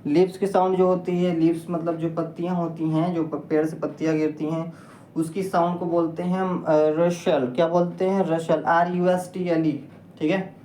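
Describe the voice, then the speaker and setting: A woman's voice: on the low side, little pitch movement, normal speed, dark tone. A woman teaching English vocabulary in a patient lesson, spelling words out letter by letter and quizzing her listeners. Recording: echoey room with faint noise.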